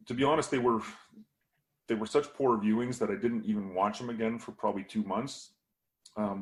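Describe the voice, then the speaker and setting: A man with a fairly low voice gives casual hockey analysis on a podcast from a scout's perspective. He sounds a little hoarse, as if losing his voice, and fills his speech with lots of fillers.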